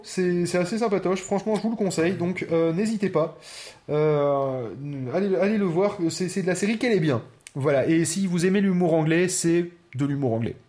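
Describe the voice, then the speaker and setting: A man co-hosting a podcast in relaxed casual chat, hesitating with many fillers. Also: a little high. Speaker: podcast co-host.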